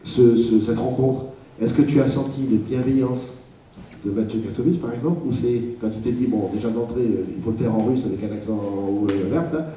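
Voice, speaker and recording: A man moderating a festival panel, joking and halting as he puts questions to guests. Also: medium pitch, fairly even intonation, mellow, slight background noise. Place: large hall. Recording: echoey hall from far off.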